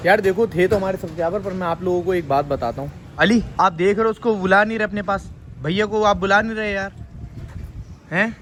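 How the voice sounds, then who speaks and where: High-voiced man scolding his kids. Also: brisk, fairly bright tone, a little hiss or hum. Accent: Karachi Urdu. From Pakistan. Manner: scolding, lecturing his children. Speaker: vlogger and father. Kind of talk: casual family vlog.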